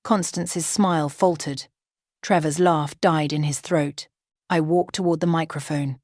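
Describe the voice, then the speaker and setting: A woman narrating a first-person story in a steady, dramatic way. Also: low-pitched, unhurried, no echo, studio quality.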